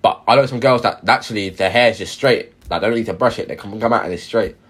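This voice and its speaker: A man's voice: fairly low pitch, fast talker, a bit bright. A man co-hosting a podcast, chatting casually in street slang and often repeating himself. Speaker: podcast co-host.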